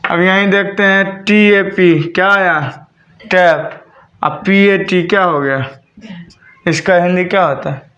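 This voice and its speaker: A man teaches a classroom lesson in a high, bright voice. He speaks slowly, spells words out letter by letter and keeps putting questions back to his students, with a board behind him. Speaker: English teacher.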